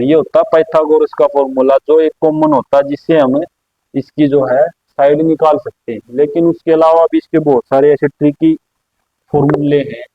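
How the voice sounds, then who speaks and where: A man teaching a maths lesson at a board, explaining slowly and repeating his own questions for the class. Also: medium pitch, no echo. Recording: dry, slightly dull lo-fi sound.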